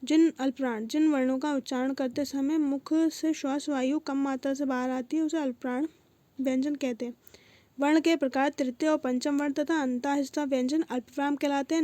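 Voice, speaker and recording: High-voiced woman reading study notes aloud. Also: a little mellow, no echo. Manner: lists terms one by one in short bursts. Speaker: teacher.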